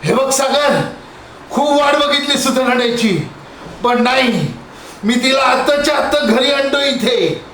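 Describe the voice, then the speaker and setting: A man's voice: very high voice, a little slow, fairly bright tone. A man acting a distraught middle-aged father who defends his married daughter in an impassioned, pleading and threatening one-man phone scene. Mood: furious. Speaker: solo amateur actor. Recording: echoey room with faint noise.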